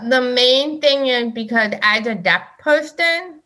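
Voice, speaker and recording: A woman guest on a podcast talking casually, halting and restarting often with many fillers. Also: sits high, animated, noisy background. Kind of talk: casual chat.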